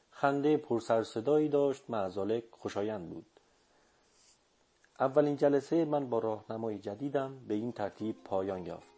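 Mellow male audiobook narrator. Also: medium pitch. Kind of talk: scripted first-person narration.

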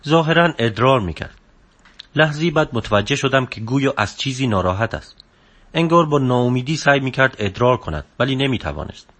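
A man reading a book aloud as a narrator, with a steady, subdued delivery. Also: medium pitch. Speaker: audiobook narrator.

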